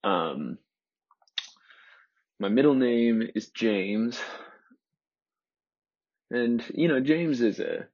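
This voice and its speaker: This 21-year-old man speaks in a mid-range, expressive voice with a breathy edge, musing to himself in a solitary room. His talk is soft-spoken and halting, full of pauses and fillers, captured on a muffled lo-fi recording.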